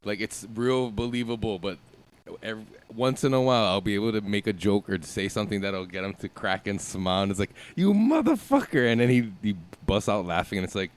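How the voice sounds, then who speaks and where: A man's voice: on the low side, fairly even intonation, fairly quick, smooth. A man co-hosting a podcast, joking and acting out lines in casual chat. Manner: joking, acts out voices in his stories. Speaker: podcast co-host.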